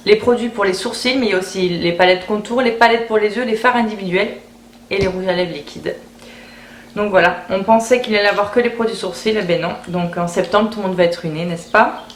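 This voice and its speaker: A woman chatting casually through a beauty haul video, often repeating words as she thinks aloud. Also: medium pitch. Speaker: beauty vlogger. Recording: roomy echo, faint background hiss.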